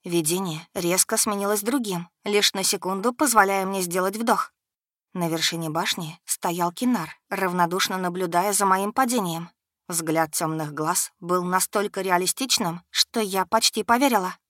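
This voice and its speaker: A woman's voice: lowish voice, moderate pace, fairly bright tone, dry recording, studio quality. A woman reading a first-person audiobook in a dramatic, tense storytelling manner. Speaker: audiobook reader.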